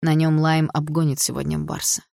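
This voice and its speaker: A woman reading an audiobook in an even, storytelling way. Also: deep voice, moderate pace, creaky, no room sound, clean studio sound. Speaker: audiobook reader. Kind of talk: scripted narration.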